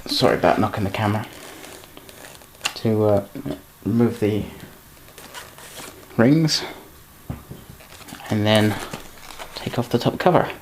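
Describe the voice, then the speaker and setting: Speaking slowly and pausing often, a man with a lowish voice rambles through unboxing his model trains, fixing his own slips as he picks up the pieces. Some faint background noise can be heard.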